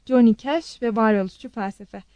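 A witty, playful young woman, voiced by a woman reader, teasing and lively in her delivery. The voice sits rather high and is recorded close and dry. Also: moderate pace, clean tone, no room sound, lo-fi sound, lightly acted. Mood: thoughtful.

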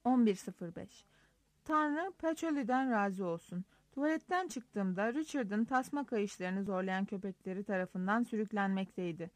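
A woman narrating a first-person diary story aloud in a lively, expressive reading. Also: mid-range voice, normal speed, no echo. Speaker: audiobook narrator.

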